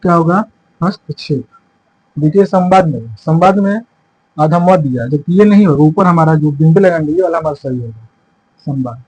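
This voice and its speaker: हल्की खरखराहट वाली आवाज़ में पढ़ाता आदमी. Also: male voice, on the high side, animated, normal speed, a little mellow, husky, low-quality recording. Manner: explains step by step, repeats answers with quiz questions. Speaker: Hindi teacher. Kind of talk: exam-prep lesson.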